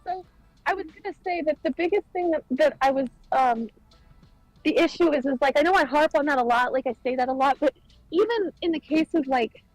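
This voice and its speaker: A woman's voice: sits high, a little fast, no echo, faint music behind, low-quality recording. A woman co-hosting a gaming podcast over a remote call, rambling in casual chat with lots of fillers and restarts. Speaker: podcast co-host. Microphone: remote call-in mic.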